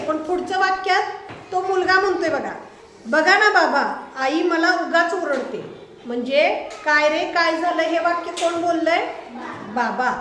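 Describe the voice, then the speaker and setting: A very high-pitched woman teaches a live class and keeps asking her pupils check questions as she goes. Her voice rings around a roomy, echoey classroom. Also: fairly bright tone, a little hiss or hum. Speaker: schoolteacher. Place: school classroom with pupils present.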